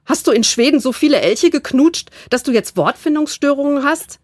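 A woman's voice: high voice, expressive, no room sound, studio quality, voice pushed up. A woman doing a spunky, teasing young girl. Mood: playful. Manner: quick, bright, joking. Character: lively young girl, quick-witted and teasing. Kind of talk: children's book reading.

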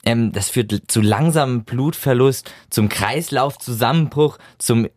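A man's voice: mid-range voice, measured pace, a little mellow, no echo. A man co-hosting a radio interview, talking casually with hesitant fillers. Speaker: radio co-host.

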